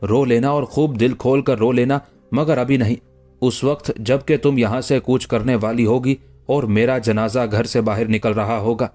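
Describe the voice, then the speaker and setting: A man's voice: medium pitch, steady tone, moderate pace, warm tone, faint music behind, close to an everyday voice. A man reading the lines of a lovesick, anguished young man in an audiobook story. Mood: pleading.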